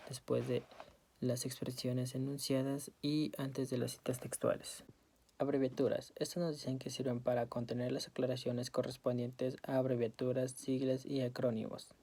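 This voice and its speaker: A woman reading study notes aloud as a student presenter, in a steady, list-like way. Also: extremely low pitch.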